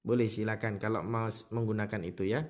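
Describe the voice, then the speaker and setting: A man teaching Quran recitation, explaining letter sounds calmly and demonstrating them by repeating syllables and chanting verses slowly. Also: fairly low pitch. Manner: calm explanatory tone with frequent "ya" tags. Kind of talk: explaining tajwid with recited examples.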